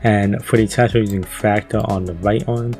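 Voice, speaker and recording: A man's voice: lowish voice, steady tone, brisk, a little mellow, soft background music. A man talking casually over a gaming video, loose and laid-back, with lots of fillers and the odd swear.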